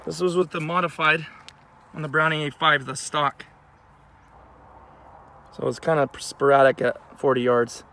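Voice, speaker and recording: A man's voice: fairly high pitch, flat delivery, a little slow, long pauses, pushed and bright. A man in his thirties giving a casual, matter-of-fact review at an outdoor shooting range, recorded by a camera a few steps away. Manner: plain, matter-of-fact explaining. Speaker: channel host. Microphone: camera mic at a distance.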